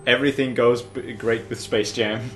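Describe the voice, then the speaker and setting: A young man joking around with friends over a horror game, tossing in quick asides. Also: mid-range voice, steady tone, a bit bright, soft background music. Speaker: let's play co-commentator.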